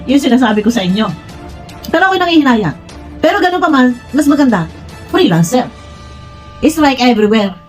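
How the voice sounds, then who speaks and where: A high-pitched, sing-song woman talks a little fast and pauses often, her voice a little mellow over faint background music. She rambles with many restarts in her casual commentary vlog on online personalities, speaking straight to viewers in a blunt, frank manner and saying she's direct to the point.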